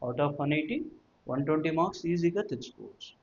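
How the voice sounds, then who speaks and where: A man's voice: fairly high pitch, animated, quick pace, gravelly, slight background noise. A male physics teacher with a Telugu accent talks students through exam prep, mixing Telugu and English and repeating points with check questions. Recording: dull, lo-fi audio.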